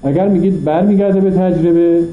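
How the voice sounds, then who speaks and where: A man's voice: high voice, fairly even intonation, echoey room, highs cut off, slight background noise. A man teaching a philosophy lesson, reading passages from a text and explaining them point by point with rhetorical questions. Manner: reads Arabic passages then explains them in Persian. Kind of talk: classroom lecture reading and explaining an Arabic text.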